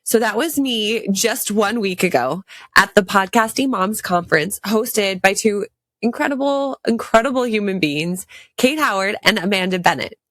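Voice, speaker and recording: A woman's voice: medium pitch, normal speed, fairly bright tone, dry recording. A woman in her thirties talks on her own podcast, her voice stuffed up and congested from a sinus infection. She sounds enthusiastic and repeats words for emphasis. The close mic gives a dry, roomless sound. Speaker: podcast host. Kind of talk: casual solo podcast talk.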